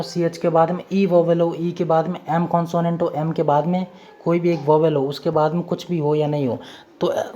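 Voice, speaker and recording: This woman's lowish voice has a dark tone as she teaches English spelling rules in a classroom-style lesson. She repeats herself patiently, working through each formula step by step and speaking to viewers as friends.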